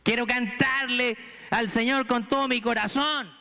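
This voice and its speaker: Bright, high-voiced Chilean pastor preaching. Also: male voice, fairly even intonation, a little slow, creaky, in a large hall. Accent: Chilean Spanish. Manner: earnest, exhorting, rhetorical questions to the congregation. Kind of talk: sermon. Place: church sanctuary.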